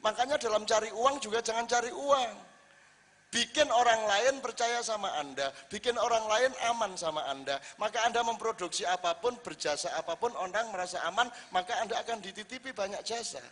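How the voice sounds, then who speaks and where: A man preaching to a live audience, lively and full of rhetorical questions. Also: high voice, a little fast. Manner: lively, rhetorical questions, acts out quoted lines. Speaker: Islamic preacher. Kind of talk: religious talk to a live audience. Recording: reverberant hall.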